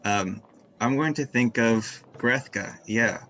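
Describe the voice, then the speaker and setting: A man's voice: medium pitch, slow, a bit bright. A man playing at a tabletop game, speaking casually and hesitantly with fillers. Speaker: player.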